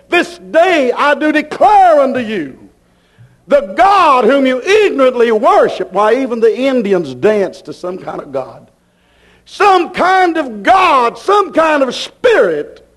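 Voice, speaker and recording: A male preacher gives a fervent sermon in a very high-pitched voice whose pitch swings widely. He declares each point emphatically, speaking slowly and deliberately and repeating phrases for weight.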